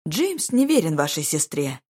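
A cool, ironic young duke speaks calmly and evenly, as a woman narrator voices him. The voice is low and husky. It is an audiobook. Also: exaggerated voice. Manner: calm, ironic, measured. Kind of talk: audiobook character voice.

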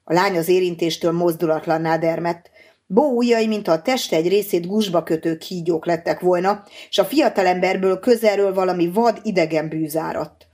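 A woman narrating a novel in a measured, steady audiobook reading. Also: lowish voice.

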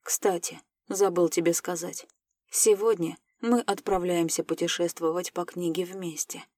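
A composed male mentor, as a woman reader puts him on, talking in an even, quiet and measured way. His voice sits a touch lower than the narrator's, dry and close, as in an audiobook recorded in a treated booth. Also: no echo. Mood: calm. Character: calm grown man, a time-travelling mentor. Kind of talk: audiobook character voice.

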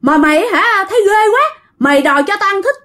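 A woman voicing a vengeful male water ghost possessing a man, shrill and taunting. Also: sing-song, fairly quick, pushed and bright, exaggerated voice. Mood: shrieking.

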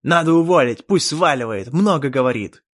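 A man voicing a furious, boastful male elf warrior who croaks and shouts in blunt, choppy bursts, as an audiobook character voice. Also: on the high side, expressive, normal speed, dry recording, studio quality, voice pushed up. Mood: sulky.

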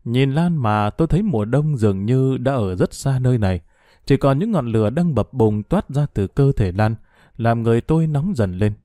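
Mellow-voiced man narrating a story. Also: medium pitch, animated, moderate pace, no room sound, studio quality. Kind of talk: first-person audio story narration.

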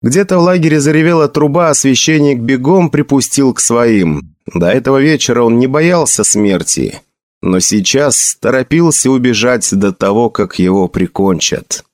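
A man narrates an audiobook from a script, telling the story expressively in a medium-pitched voice at normal speed. The sound is studio quality with no room sound.

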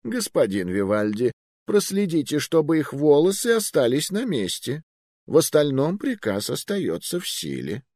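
A man's voice: a little high, huge pitch swings, normal speed, darkish tone, no room sound, studio quality, voice pushed up. A man voicing an old male wizard magister who is genial, polite and coolly ruthless, with a drawling manner. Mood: mildly cruel. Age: older. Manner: drawling, mild and polite while ordering deaths.

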